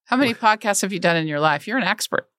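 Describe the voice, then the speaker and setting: A woman's voice: mid-range voice, lively intonation, quick pace, a bit bright, dry recording, studio quality. A woman co-hosting a podcast in casual, joking banter. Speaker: podcast co-host. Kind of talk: casual chat.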